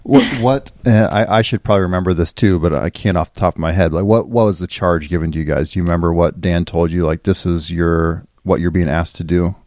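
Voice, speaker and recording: A man's voice: deep voice, brisk, few pauses, darkish tone, no room sound, studio quality. A man hosting a church podcast, talking in a casual, chatty way with frequent restarts. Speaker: podcast host.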